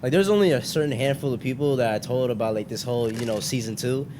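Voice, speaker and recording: A man's voice: medium pitch, fast, noisy background. A young man hosting a casual podcast, talking in a slangy frat-bro way, peppered with bro and man. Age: young adult. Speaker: podcast host.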